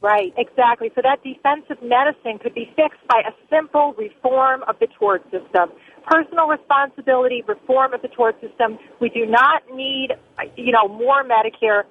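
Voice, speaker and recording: A middle-aged woman, a family physician, phones in to a radio show and makes her case earnestly in short, punchy, opinionated sentences. Her voice sits high and moves at a normal speed. The narrow, tinny phone line carries a little hiss or hum.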